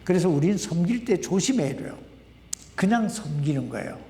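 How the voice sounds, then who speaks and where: A man's voice: sits high, animated, moderate pace, mellow. A male pastor preaching a sermon in a conversational way, often putting questions to the congregation. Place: church sanctuary. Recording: echoey hall, voice from a distance.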